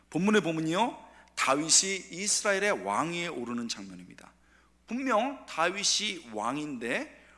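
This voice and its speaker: A man preaches a revival sermon in a church sanctuary. His bright voice sits a little high and swings widely. He acts out the people he quotes, dropping to near whispers and rising to shouts, and long reverb follows each phrase. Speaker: pastor.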